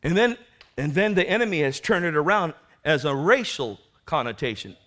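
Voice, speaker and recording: A man with an American accent delivers a fiery sermon urging repentance in a slightly high, sing-song voice with a fairly bright tone and a moderate pace. He sounds urgent, admonishing and prophetic, pressing people with rhetorical questions and asking for amens.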